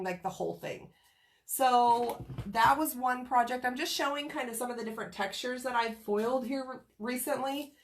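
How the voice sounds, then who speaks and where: Brief: woman, congested and scratchy from a cold, chatty rambling craft livestreamer, slightly high voice. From Kansas, USA. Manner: chatty, rambling, greets viewers by name. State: getting over a cold. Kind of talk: casual craft livestream chat.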